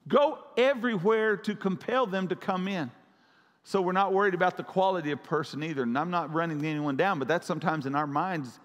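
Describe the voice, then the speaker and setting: A man preaching a sermon as pastor, urgent and repetitive, pressing his listeners. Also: high-pitched. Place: church sanctuary. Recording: long church hall reverb.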